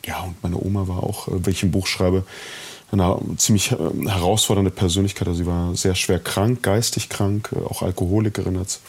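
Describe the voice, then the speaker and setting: Middle-aged male actor as interview guest, low husky voice, personal and halting. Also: little pitch movement. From East Germany. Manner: candid, personal, many fillers and restarts. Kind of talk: reflective interview conversation.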